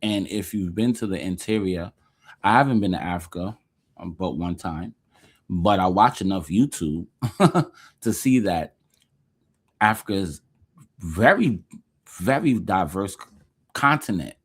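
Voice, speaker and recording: Low-voiced man giving loose commentary. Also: expressive, unhurried, long pauses, breathy edge. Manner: conversational, dismissive, loose. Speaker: host. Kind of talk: casual reaction commentary.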